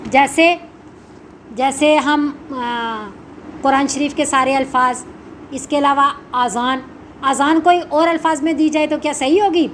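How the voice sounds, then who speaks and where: A woman's voice: high voice, steady tone, slight background noise. A woman Quran teacher explaining a religious lesson, asking and answering her own questions. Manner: slow, measured recitation of Arabic supplications.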